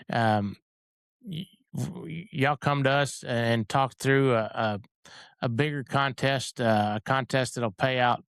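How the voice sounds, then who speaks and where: A man's voice: medium pitch, fairly bright tone, smooth, no echo. A man, hosting in a casual, folksy, informal chat style. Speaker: host.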